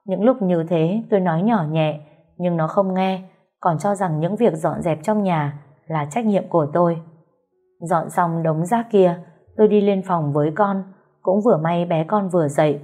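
A woman tells a first-person story in a calm, measured, sorrowful voice. Her voice sits low. Soft music runs faintly underneath. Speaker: narrator. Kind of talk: storytelling narration.

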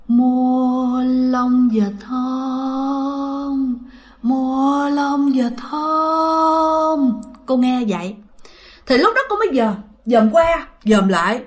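Her voice high and a bit bright, a woman with a Southern Vietnamese accent chats her way through a ghost story. She speaks right to the people listening.

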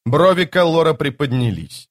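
A man narrating an epic fantasy audiobook in a measured, dramatic storytelling manner. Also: a little high, big pitch swings.

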